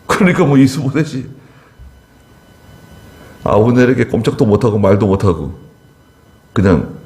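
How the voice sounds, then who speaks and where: A man's voice: medium pitch, expressive, unhurried, darkish tone. A man pastor preaching an expository sermon. He talks conversationally, drops in small asides, and acts out the quarrels in his story with raised, scolding lines. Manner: retells scripture by acting out the quarrels in a raised voice. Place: church.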